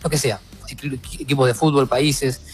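A husky-voiced man with an Argentine accent talks as a guest, soft music faintly behind him. He thinks out loud, restarting his phrases as he reasons his way through. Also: medium pitch, steady tone, normal speed. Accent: Argentine Spanish. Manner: reflective, with restarts. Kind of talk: casual conversation.

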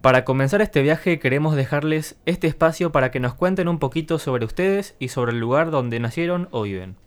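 A co-host reads an upbeat scripted welcome. The voice sits at a middle pitch and the delivery is steady. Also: moderate pace. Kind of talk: scripted presentation.

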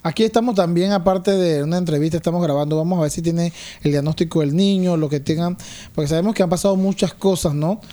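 Male interviewer, quick, warm tone, slightly high voice, leading questions.

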